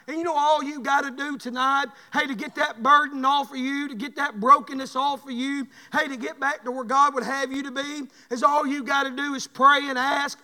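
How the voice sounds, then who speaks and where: A man with a Southern US accent preaches a fervent, folksy evangelical sermon, exhorting his congregation in punchy phrases and repeatedly punctuating them with "hey." His voice is very high and sharp, and the echoey hall gives it a long reverb.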